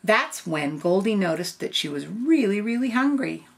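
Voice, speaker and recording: An older woman reading a storybook aloud in a gentle grandmotherly way, adding casual asides. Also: medium pitch, very animated, normal speed, vocal fry.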